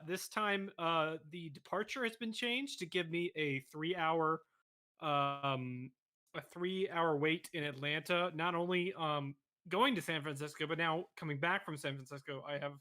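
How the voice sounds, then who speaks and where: Man, slightly high, bright tone, gripey and filler-heavy. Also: moderate pace. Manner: gripey, plain storytelling with many ums. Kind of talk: casual chat on a livestream.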